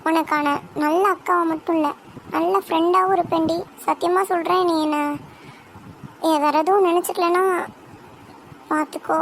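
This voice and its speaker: A woman's voice: very high voice, slight background noise, rough recording. A woman voicing a caring older sister in a cartoon drama, who coaxes and insists in an affectionate way.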